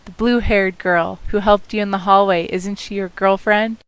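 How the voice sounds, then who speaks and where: A man's voice: high-pitched, steady tone, normal speed, a bit bright, clean tone, dry recording. A woman voicing a blunt, bossy teenage schoolboy in a nasal voice while reading a horror game aloud. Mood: dismissive. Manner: blunt, scolding.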